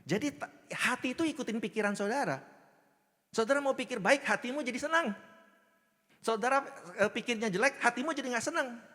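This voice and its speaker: A man preaching a lively sermon as pastor, joking and acting out little voices while often checking in with the congregation. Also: very high voice, fairly quick, pauses often. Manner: animated, jokes and acts out voices, asks the congregation often. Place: church hall. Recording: long hall reverb.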